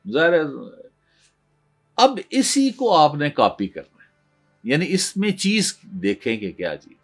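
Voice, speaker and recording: A male professor, lecturing in an animated storytelling way with fillers and restarts. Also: fairly high pitch. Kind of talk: lecture on creativity. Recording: faint background music.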